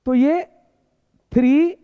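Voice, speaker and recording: A man's voice: extremely high pitch, drawn-out words. A man teaching a basic English lesson, repeating points and asking rhetorical questions. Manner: repetitive, quizzing with rhetorical questions. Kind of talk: classroom lesson. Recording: echoey hall, tinny phone-like sound.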